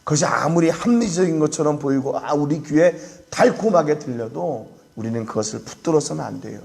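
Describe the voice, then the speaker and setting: A man, a pastor, preaching an early-morning prayer sermon in an earnest way, sometimes acting out scoffers' voices and dropping to a soft hush for emphasis. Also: fairly high pitch, a little fast, creaky.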